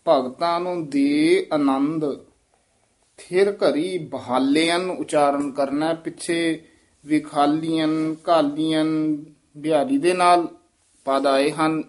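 Guy teaching how to recite holy verses, repeats each line then explains, unhurried. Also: fairly high pitch. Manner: patient, instructive, models each phrase then explains. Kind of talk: correcting pronunciation of sacred verses.

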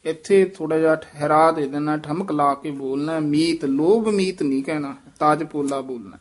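A man teaching correct recitation of scripture, chanting verses slowly and breaking off to explain pauses and pronunciation. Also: on the high side. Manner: slow chanted recitation, then quick spoken corrections.

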